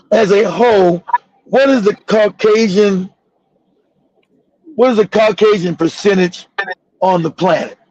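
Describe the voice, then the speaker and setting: A man's voice: high voice, darkish tone, no echo, dull audio. A man hosting a livestream talk show, delivering fiery, profane, repetitive commentary. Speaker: show host.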